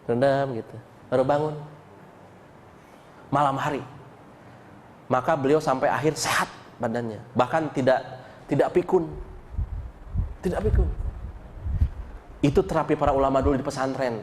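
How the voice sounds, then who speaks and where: A man giving an animated Islamic sermon, mixing chanted dhikr with colloquial jokes and stories. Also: mid-range voice, moderate pace, pauses often, big-room sound, a little hiss or hum. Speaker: preacher. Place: mosque hall.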